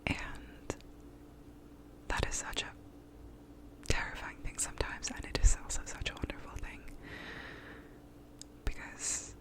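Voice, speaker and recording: A woman gives a whispered ASMR pep talk up close to the mic, reassuring and validating in informal, sometimes sweary wording. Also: low-quality recording. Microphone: close to the mouth.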